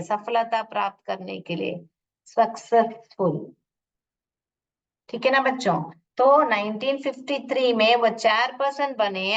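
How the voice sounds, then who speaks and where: Woman, English teacher in a classroom, slightly high voice, unhurried lesson delivery, dull audio from across the room. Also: fairly bright tone, distant mic. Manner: explains word by word, asks and answers her own questions; spells out and sounds out pronunciation slowly.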